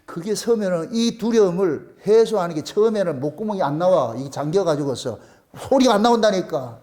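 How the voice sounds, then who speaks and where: Male pastor, Gyeongsang accent, high lively delivery, folksy rhetorical sermon. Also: fairly quick. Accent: Gyeongsang dialect. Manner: animated, colloquial preaching full of rhetorical questions.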